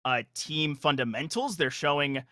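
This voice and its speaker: Bright-voiced young male esports caster. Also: fairly high pitch, moderate pace, dry recording. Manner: energetic analytical play-by-play, frequent restarts. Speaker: esports color commentator. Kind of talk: live game commentary.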